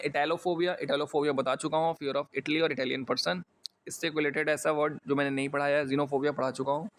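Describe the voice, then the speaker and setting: A man with an Indian accent giving a casual vocabulary lesson, chatty with jokey asides and some stumbles over long words. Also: fairly high pitch. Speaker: exam English teacher.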